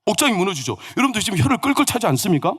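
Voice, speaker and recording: A man's voice: high-pitched, big pitch swings, rapid-fire, fairly bright tone, breathy edge. A man, the senior pastor, preaching a sermon in a church sanctuary and telling stories with humor and acted quotes.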